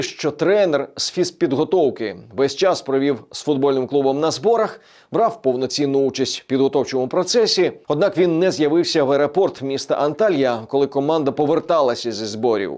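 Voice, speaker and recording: A man presenting a weekly regional news roundup in a measured, scripted delivery. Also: on the high side, darkish tone.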